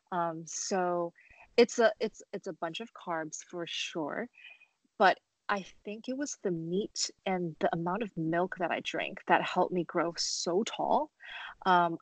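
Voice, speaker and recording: A woman's voice: on the low side, no room sound, poor audio. Young woman guest from China, easygoing filler-laden chat, dry close sound. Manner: casual, many fillers and hedges. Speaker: guest musician. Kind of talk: podcast interview.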